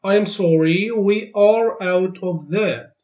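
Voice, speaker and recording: A man reads lesson phrases at a very slow, careful pace, repeating each one twice. His voice sits fairly high for a man. The recording sounds dull and lo-fi. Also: a little mellow. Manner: each phrase spoken twice, clearly and deliberately. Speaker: language teacher.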